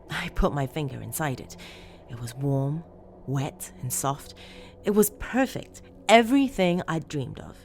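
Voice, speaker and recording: A woman narrating a first-person horror story as a disturbed, obsessive woman who confides with eager, unsettling fondness, dramatically and with deliberate pauses. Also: sits low, a little hiss or hum, heavily acted. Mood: obsessive, rapt.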